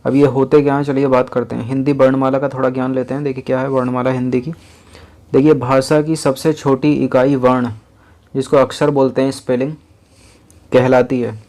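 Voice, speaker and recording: A man teaching a lesson in an explanatory classroom style, repeating each point slowly and counting items aloud. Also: medium pitch, flat delivery, darkish tone.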